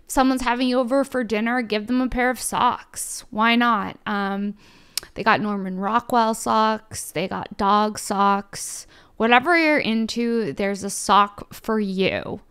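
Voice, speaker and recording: A woman's voice: fairly high pitch, fairly even intonation, measured pace, a bit bright, smooth. A young woman hosting a podcast, reading her intro and a sponsor ad in a playful, jokey, upbeat way. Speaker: podcast host.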